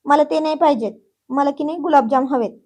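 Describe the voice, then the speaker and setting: Woman voicing a young woman, clingy, stubborn, whiny, pleading sing-song, high voice. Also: fast talker, a little mellow, close to an everyday voice.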